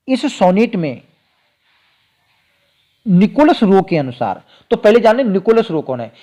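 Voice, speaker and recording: A man teaching literature, explaining a poem point by point and repeating key ideas, drawing out the English lines slowly. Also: high-pitched, warm tone. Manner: slow, stretches out quoted English lines.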